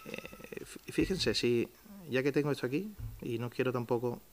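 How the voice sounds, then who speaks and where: A man's voice: mid-range voice, wildly swooping pitch, normal speed, slight background noise. Spanish man, press-conference presenter, explains patiently, restarts often, poses questions and answers them. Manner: explains step by step with many restarts and fillers; asks himself rhetorical questions and answers them. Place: town hall press room.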